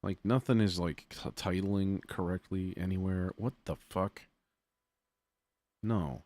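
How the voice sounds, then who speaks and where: A music production tutorial host with a very low, slightly mellow voice walks through a demo slowly and informally. He thinks aloud, muttering to himself with folksy turns of phrase, and his intonation stays fairly even.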